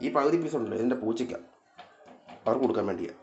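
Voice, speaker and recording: A man's voice: mid-range voice, expressive, very fast, darkish tone, dull audio, a little hiss or hum. A man talking casually through his home cooking for a vlog, chatting to viewers and his cats. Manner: chatty self-narration, coaxing baby talk to his cats. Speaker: cooking vlogger.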